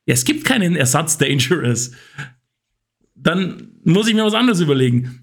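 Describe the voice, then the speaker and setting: A man's voice: sits high, gravelly. A man hosting a podcast, rambling through examples in casual chat. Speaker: podcast host.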